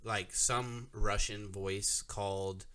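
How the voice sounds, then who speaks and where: A man with a low-pitched but bright, forward voice tells a story in casual podcast chat. He is animated and laughs often. The talk is loose and unscripted. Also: slow pace. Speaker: podcast co-host. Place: podcast recording, audio only.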